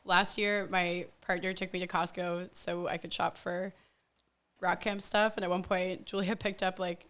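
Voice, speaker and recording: A woman's voice: lowish voice, level tone, normal speed, fairly bright tone. A woman talking as a guest on a casual podcast, her sentences looping through filler words. She laughs often and wanders from point to point in an easygoing chat.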